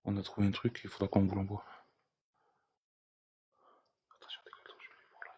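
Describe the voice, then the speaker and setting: A man whispering through a live stream from an abandoned building at night, greeting viewers and talking in a hushed, tense voice. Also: low-pitched, completely flat delivery, racing, slightly rough.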